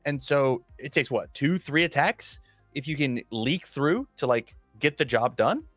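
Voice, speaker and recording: A man's voice: medium pitch, unhurried, no echo, faint music behind. A man co-commentating a card game tournament live, talking casually and eagerly, often restarting his sentences. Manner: casual, eager, stumbles and restarts when excited.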